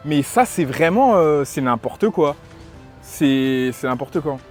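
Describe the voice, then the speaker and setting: A man from France, a lifestyle and dating coach, giving casual opinions in a vlog, halting, with lots of fillers and restarts. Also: fairly high pitch, lively intonation, a little mellow, faint music behind.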